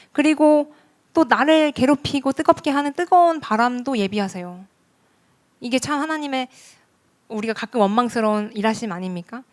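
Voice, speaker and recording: A woman evangelist preaching a sermon at a church worship service, talking earnestly and directly to the congregation. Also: fairly high pitch. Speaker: youth ministry evangelist.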